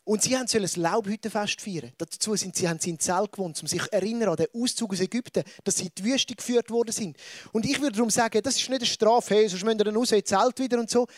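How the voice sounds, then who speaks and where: A man preaching with a Swiss German accent, lively and conversational, turning to the audience with asides. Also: sits high, fast, no echo, studio quality. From Switzerland. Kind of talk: sermon.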